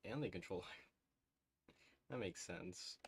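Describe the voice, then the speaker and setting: Guy on a headset mic livestreaming a game, lowish voice, keeps going ooh, faint hiss behind. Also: expressive, very slow, vocal fry. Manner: thinks aloud, reacts with frequent "ooh"s and small laughs. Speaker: streamer. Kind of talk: live gameplay commentary, talking to chat.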